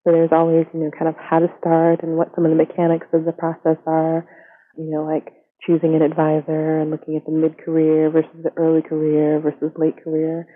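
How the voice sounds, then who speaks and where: A young adult woman with an electronically disguised, lowered voice, candidly and conversationally answering interview questions over the telephone. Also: monotone, fairly quick. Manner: candid, conversational, frequent "you know". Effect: voice disguised electronically, pitched down. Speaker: interview guest, science career columnist. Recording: band-limited telephone line.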